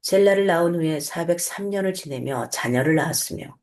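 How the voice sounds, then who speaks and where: A woman who reads scripture aloud in turns, then explains it in a relaxed, conversational teaching manner with fillers and small restarts. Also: fairly low pitch, brisk. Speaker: host, Bible teacher. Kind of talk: Bible reading and casual explanatory teaching.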